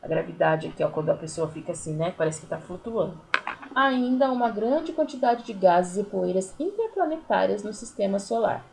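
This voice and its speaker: This recorded remote class features a primary school teacher with a Brazilian Portuguese accent who patiently guides young pupils, counting syllables and using plenty of diminutives. She has a mid-range voice with vocal fry, lively intonation, and a normal speaking speed. There's noise in the background.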